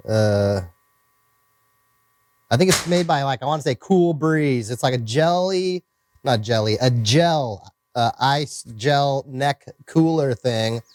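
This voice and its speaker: A man's voice: on the high side, lively intonation, slow, pauses often, darkish tone, a little hiss or hum. A man with an Iowa accent hosting a casual outdoor shooting range video, rambling and correcting himself as he talks. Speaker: gun channel host. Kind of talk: casual range vlog with ammo test readouts.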